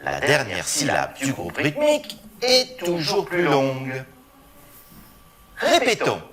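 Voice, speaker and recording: A man's voice: medium pitch, huge pitch swings, takes it slowly, crowd noise. A man leading a scripted pronunciation drill, chanting rhythm syllables and stretching the last syllable of each phrase. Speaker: pronunciation instructor in a course video.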